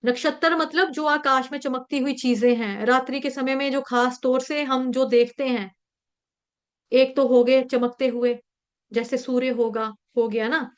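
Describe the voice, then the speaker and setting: A woman telling a scripture story in a devotional class, explaining it plainly and now and then chanting Sanskrit verses slowly. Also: sits high. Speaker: scripture teacher.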